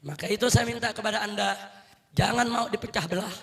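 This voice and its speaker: A middle-aged male preacher with a very high, piercing voice delivers a fiery sermon to a large gathering. He rouses the crowd, repeats his call to the brothers again and again, and leads them in answering chants. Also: brisk, vocal fry, fairly bright tone. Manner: rousing, repeats "saudara", calls for takbir and crowd responses. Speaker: Islamic preacher.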